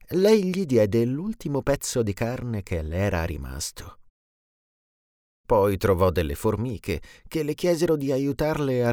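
Expressive low-voiced male storyteller. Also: dry recording, clean studio sound. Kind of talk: fairy tale narration.

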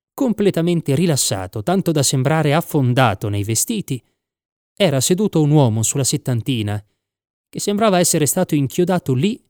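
A man narrates a first-person story in a measured, reflective way. His mid-range voice sounds dry and close to the mic, with no room sound. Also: mid-range voice, darkish tone, no room sound. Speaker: audiobook narrator.

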